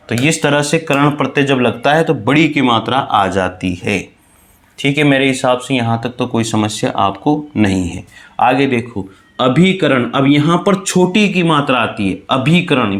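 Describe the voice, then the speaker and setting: Hindi grammar teacher, slow and repetitive. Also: male voice, medium pitch. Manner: explains slowly, repeating words, addresses students as "bhai". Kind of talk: exam-prep spelling lesson.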